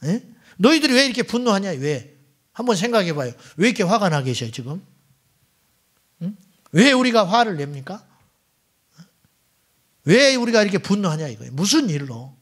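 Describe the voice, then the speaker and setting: Male senior pastor, middle-aged, sermon delivery with a fairly high, very animated pitch; rhetorical questions, sudden hushed asides. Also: moderate pace, pauses often, husky. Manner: preaching, rhetorical questions to the congregation; swings between loud exclamations and near-whispered asides. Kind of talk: Friday night sermon.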